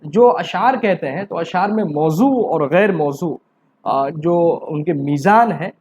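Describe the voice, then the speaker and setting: A man teaching an exam-prep grammar lesson. He asks rhetorical questions and answers them himself, rising to emphatic questions and then dropping low. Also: animated, a little mellow, a little hiss or hum. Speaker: Urdu teacher.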